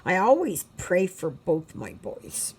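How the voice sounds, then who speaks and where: Her voice is lowish and husky, its pitch swooping wildly. She's a Canadian in her sixties hosting a stitching channel at home, chatting slowly and reflectively while she works, rambling with many fillers and murmuring softly to herself.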